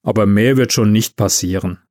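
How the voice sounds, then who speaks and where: A man's voice: lowish voice, moderate pace, a little mellow, pitched below the performer's own voice, lightly acted. A man voicing a laid-back young male elf artist with an easygoing, wry way of talking. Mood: relaxed.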